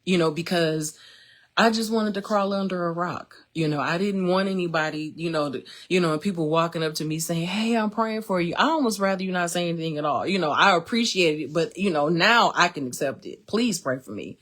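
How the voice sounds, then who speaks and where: A woman's voice: on the low side, brisk, a bit bright. A woman, speaking casually and emotionally with many fillers as she hosts her own live stream. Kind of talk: personal testimony, casual talk.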